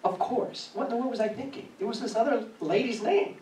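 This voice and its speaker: A man preaching a sermon, telling a personal story in a lively way and often laughing as he speaks. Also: very high voice, brisk, a little hiss or hum. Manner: animated, laughing through his story. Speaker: pastor. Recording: echoey church from a distance.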